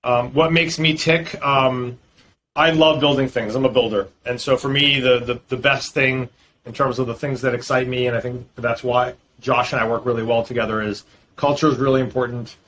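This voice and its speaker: The guest on this podcast interview is a male real estate lawyer from Boston, speaking at normal speed in a mid-range, slightly bright voice with fairly even intonation. He fluently unspools long explanations studded with fillers, against slight background noise.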